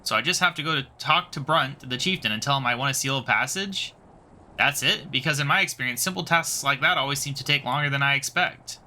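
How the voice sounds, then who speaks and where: A man's voice: medium pitch, fairly quick, pushed and bright. Man voicing an earnest young adventurer. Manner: earnest, polite.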